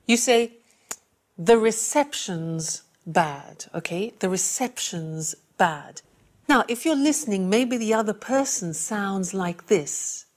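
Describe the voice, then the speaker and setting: A woman teaching an English lesson, speaking clearly and repeating key phrases for learners. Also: mid-range voice, animated, takes it slowly, darkish tone. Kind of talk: classroom lesson.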